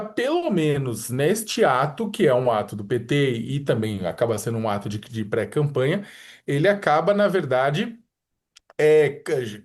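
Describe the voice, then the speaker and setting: A man with a Brazilian Portuguese accent, anchoring a live news show, reading a report and then putting questions to panelists. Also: medium pitch. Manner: clear read delivery, loosens with fillers when questioning.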